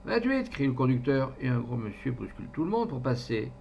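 A man giving an expressive literary reading as an audiobook narrator, acting out voices along the way. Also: medium pitch, fairly quick, vocal fry. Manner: animated, acts out the quoted voices. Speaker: audiobook reader. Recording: dull recording with faint hum.

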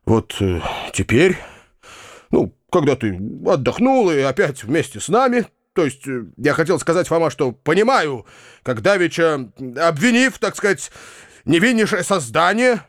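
A man's voice: medium pitch, lively intonation, normal speed, dry recording, studio quality, close to an everyday voice. A man voicing a kindly, flustered middle-aged uncle who stammers and hesitates over his words. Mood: earnest.

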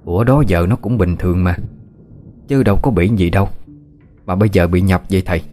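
A man voicing an anxious old mother who scolds briskly. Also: low-pitched, mellow, soft background music, close to an everyday voice. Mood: scolding.

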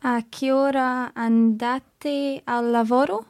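A woman learning Italian offers tentative, searching answers in a lesson. Her voice sits fairly high and she speaks slowly. The recording is close and dry. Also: fairly even intonation, a little mellow, no room sound. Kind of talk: language lesson practice.

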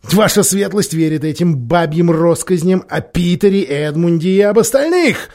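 Hot-headed king, shouty and high, always blustering; audiobook figure. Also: lively intonation, moderate pace. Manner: shouting, indignant. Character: hot-tempered blustering king, middle-aged man.

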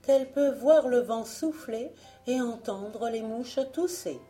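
A woman voicing a proud, excitable mother praising her daughter. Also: on the high side, takes it slowly, soft background music, pitched above the performer's own voice. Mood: proud emphatic.

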